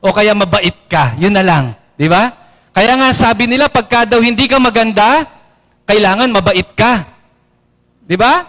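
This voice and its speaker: Filipino-accented priest preaching in a hall, high voice, lively retellings. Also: male voice, measured pace, pauses often. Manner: animated, acts out quoted complaints in a higher voice. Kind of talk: sermon. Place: church or hall, in front of an audience. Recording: long reverb of a hall.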